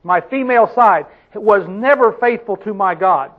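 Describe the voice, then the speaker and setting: A man's voice: sits high, lively intonation, normal speed. A man preaching a Bible-teaching sermon in a conversational way, often checking with his listeners through questions. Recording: tinny phone-like sound.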